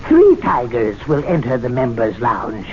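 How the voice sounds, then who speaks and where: An actor playing Timothy, a meek club attendant who schemes aloud and is easily excited, in a 1970s radio drama. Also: male voice, medium pitch, a little slow. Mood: scheming. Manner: excitable, muttering, plotting aloud. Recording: dull old radio broadcast, faint hiss.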